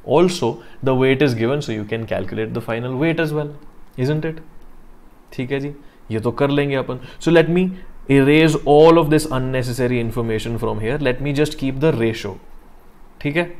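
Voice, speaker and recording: Teaching chemistry in a live online session, a man with a North Indian accent works through the material one step at a time. His mid-range voice has a darkish tone, and he speaks deliberately, going over points again and often checking comprehension.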